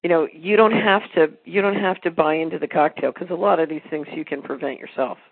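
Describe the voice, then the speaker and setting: A man's voice: fairly high pitch, fairly quick, gravelly, breathy edge, no echo. A male host summing up his guest's points in an interview. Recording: dry, phone-like audio.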